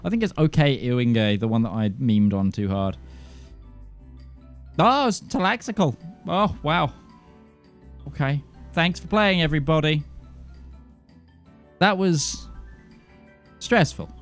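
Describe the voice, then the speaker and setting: A man's voice: on the high side, big pitch swings, slow, long pauses, faint music behind. A man hosting a quiz segment on a live show, joking and self-deprecating. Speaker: quiz host.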